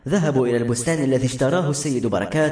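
A man narrating a novel as an audiobook in an expressive storytelling reading. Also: medium pitch, very fast, far from the mic. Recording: roomy echo.

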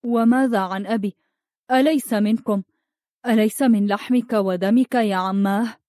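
A woman voicing a proud, blind young man who speaks steadily and with quiet menace. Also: medium pitch, moderate pace, no echo, studio quality, close to an everyday voice. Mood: firm, defiant.

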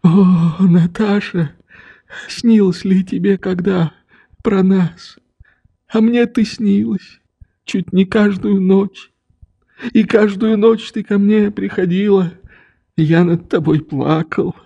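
A tender old father pours out his love and begs forgiveness, as a male reader puts him on. The voice sits raised and trembling, unhurried and mellow. It is an audiobook reading of a novel. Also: high-pitched, fairly even intonation, gravelly, dull audio, pitched above the performer's own voice, full character voice. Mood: pleading.

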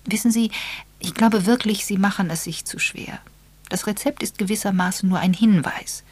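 A woman's voice: mid-range voice, moderate pace, husky, no echo, pitched above the performer's own voice, close to an everyday voice. A woman voicing an elderly, shrewd spinster detective who explains things in a mild, patient way. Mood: gently knowing. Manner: mild, patient, gently lecturing.

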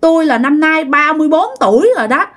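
A resentful wandering ghost of a child who was never born, as a woman storyteller puts him on, speaks with a Southern Vietnamese accent. His voice sits high and thin, and he circles back over the same plaintive words again and again. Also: expressive, fast, a bit bright. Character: jealous wandering male spirit of an unborn child.

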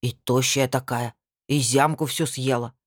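A woman's voice: extremely low pitch, steady tone, measured pace, no echo, clean studio sound, voice pushed down. A woman voicing a small, friendly, curious male cat-squirrel creature in a storybook reading, speaking in a plain, kindly questioning way.

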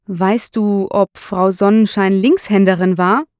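A woman's voice: medium pitch, fairly even intonation, measured pace, darkish tone, smooth, dry recording, clean studio sound, natural voice. Brief: female narrator voicing a firm middle-aged detective, probing, crime audiobook. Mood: stern. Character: stern middle-aged male police detective.

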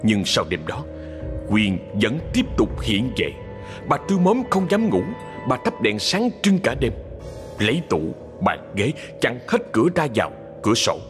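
A man narrating a ghost story in a dramatic scripted style, slowing for suspense. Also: medium pitch, huge pitch swings. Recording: husky voice in long reverb with music.

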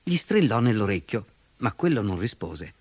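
Brief: male narrator for a children's fable, very animated pitch, dry close sound, soft music under. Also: moderate pace, husky, dry recording. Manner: lively, expressive storytelling.

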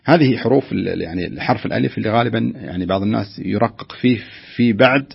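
A man's voice: on the low side, racing, creaky, breathy edge, lo-fi sound. A man who teaches Quran recitation, patiently correcting callers and sounding out letters syllable by syllable.

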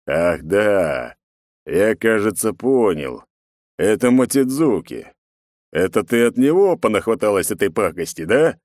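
A man's voice: lowish voice, big pitch swings, unhurried, a little mellow, no room sound, studio quality. A man doing a stern, domineering emperor. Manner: commanding, threatening, gruff. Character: stern, domineering middle-aged emperor father. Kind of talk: audiobook character voicing.

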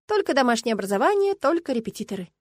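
A woman voicing a lively, cheeky young aristocratic woman in an audiobook, bright and eager in her sassy delivery. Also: sits high, very fast, no room sound, clean studio sound. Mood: perky. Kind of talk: audiobook character voice.

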